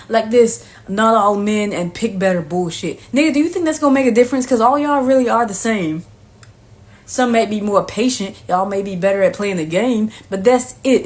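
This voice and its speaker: Brash, profane woman ranting to camera. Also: medium pitch. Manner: brash, sassy and profane, often adds "okay?". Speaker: vlogger. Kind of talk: profane comedic rant to camera.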